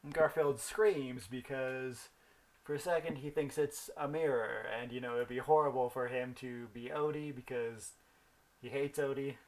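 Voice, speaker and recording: A man's voice: medium pitch, fairly even intonation, normal speed. A young man rambling through a story while thinking aloud about the game he is playing. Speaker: gaming video host. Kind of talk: casual gameplay commentary.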